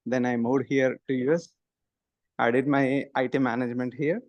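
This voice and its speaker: Guy from india giving a quick halting intro, dry muffled call audio. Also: medium pitch, no room sound. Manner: relaxed, halting, uses 'like'. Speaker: webinar attendee. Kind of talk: casual self-introduction. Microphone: video call.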